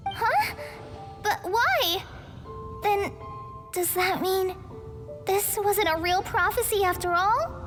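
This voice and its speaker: A woman voicing a tiny, excitable fairy companion girl who talks about herself in the third person, in a video game. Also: extremely high pitch, slow, pauses often, soft background music, exaggerated voice. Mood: puzzled.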